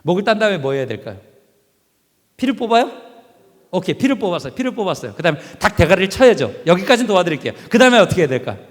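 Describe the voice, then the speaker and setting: Male preacher with a high voice, a funny sermon full of audience questions, long hall reverb. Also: racing. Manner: animated, asks the audience questions and acts out scenes. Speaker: guest preacher. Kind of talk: lively humorous sermon. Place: church sanctuary.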